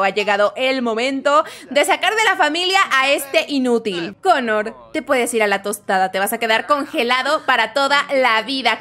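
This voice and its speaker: A young woman giving casual commentary while playing a life simulation game, chatting to her viewers and reacting with squeals, gasps and sudden dips into soft, sad murmurs. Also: sits high. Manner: emotional, exclaims and squeals often; talks to viewers as "chicos". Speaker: gaming youtuber.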